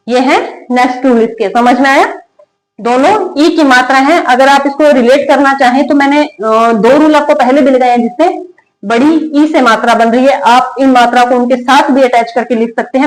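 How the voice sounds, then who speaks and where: A woman teaching English spelling rules in Hindi, asking questions and answering them herself, drawing out example words slowly. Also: high voice. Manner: repeats questions and answers them herself, slow drilled word readings. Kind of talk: Hindi-medium spelling lesson at a board. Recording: echoey room.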